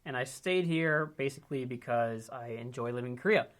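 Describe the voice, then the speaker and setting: A man's voice: mid-range voice, a little fast, a bit bright. A man from Ohio hosting a casual chat with friends, upbeat and loose in his talk. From United States, Ohio. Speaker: host. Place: indoors with friends.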